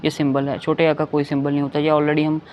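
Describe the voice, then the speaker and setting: Though this is a slow explanatory Hindi lesson, the male teacher is a fast talker, his slightly high voice completely flat. He patiently repeats each sound and checks often that listeners are with him. Faint noise runs behind the dull, lo-fi recording.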